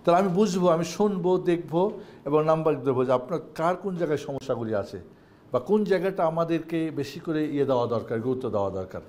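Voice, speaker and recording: A man's voice: fairly high pitch, lively intonation, racing, a little mellow. A male Quran teacher giving an online class, chanting the names of Arabic letters in a singsong drill and then explaining the homework.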